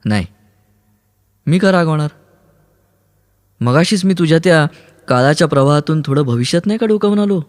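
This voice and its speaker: A man's voice: fairly high pitch, expressive, moderate pace, long pauses, long reverb tail, pitched above the performer's own voice, close to an everyday voice. A man reading aloud, voicing an earnest young man who speaks emphatically in an audiobook.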